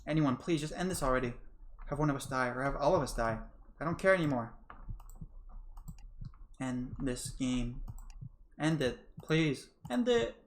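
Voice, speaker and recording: A man's voice: medium pitch, steady tone, fast talker, slight background noise, close to an everyday voice. A man voicing a young woman stuck in a time loop, narrating her despair in the first person. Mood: broken. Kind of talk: narrating a game in character.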